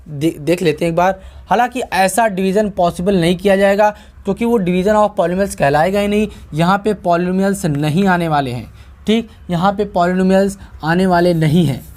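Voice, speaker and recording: A math tutor with a North Indian, Hindi-speaking accent gives a lecture in a high, somewhat dark male voice. He keeps posing questions, answering them himself, and checking in with the class.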